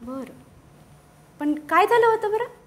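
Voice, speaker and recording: Animated teacher reading to children. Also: female voice, extremely high pitch, slow pace. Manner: animated, keeps questioning the children. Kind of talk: reading a picture book aloud to children. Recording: echoey classroom.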